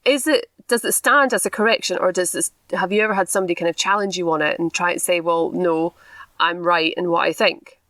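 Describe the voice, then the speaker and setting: Bright-voiced woman asking questions. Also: lowish voice, fairly quick, no echo, distant mic. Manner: prompting questions, lively and teasing. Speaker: podcast co-host. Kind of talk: casual chat.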